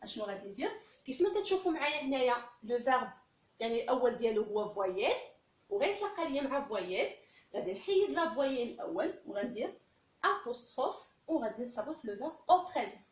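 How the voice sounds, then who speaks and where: A woman with a Moroccan Arabic accent, teaching French grammar step by step and repeating each example phrase slowly and carefully. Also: fairly high pitch, big pitch swings, roomy sound.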